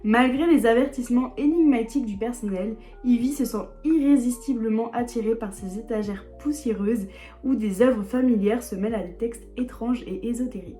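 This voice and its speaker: A young woman talks eagerly and casually in her own vlog, doubling words when she is excited. Her voice sits a little high and mellow, with soft music faint underneath. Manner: enthusiastic, repeats words for emphasis. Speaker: book vlogger. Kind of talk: casual book haul chat.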